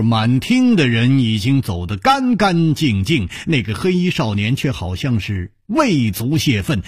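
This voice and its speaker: Male radio storyteller, dramatic, sweeping pitch, slow, husky, dry sound. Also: dry recording. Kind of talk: Chinese storytelling narration.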